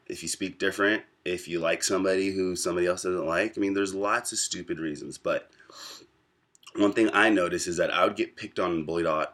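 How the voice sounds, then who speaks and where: A man in his twenties from the United States, telling a personal story to camera in a reflective, pausing way. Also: low voice, fairly bright tone. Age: 20s. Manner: reflective, pausing often between thoughts. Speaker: vlogger.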